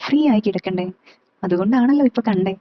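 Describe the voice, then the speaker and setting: A playful aunt who teases and scolds in quick, lively bursts, as a woman reader puts her on. The recording is slightly muffled and dry, with no room sound. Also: mid-range voice, no room sound, natural voice. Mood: teasing.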